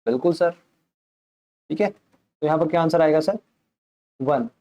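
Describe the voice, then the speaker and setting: A man teaches a maths lesson in a fairly high, darkish voice at a moderate pace. He patiently poses questions aloud and answers them himself, repeating key points and addressing his listeners politely throughout this explanatory class.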